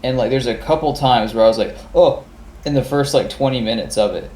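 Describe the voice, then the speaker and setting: A man's voice: medium pitch, quick pace, a little mellow. A man co-hosting a podcast in casual chat, rambling and swearing as he acts out his reactions. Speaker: podcast co-host. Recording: roomy echo.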